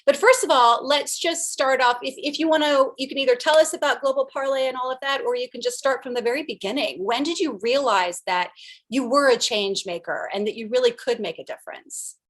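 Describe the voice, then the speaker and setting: Female host with a fairly high voice, eager and loose, steering a casual interview. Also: a little fast, a bit bright. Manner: eager, laughs easily, rambling questions.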